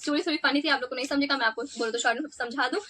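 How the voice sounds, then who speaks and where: High, bright, fast-talking young woman. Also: slight background noise. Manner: animated, acts out quoted lines, many fillers. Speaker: vlogger. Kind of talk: casual storytelling to camera.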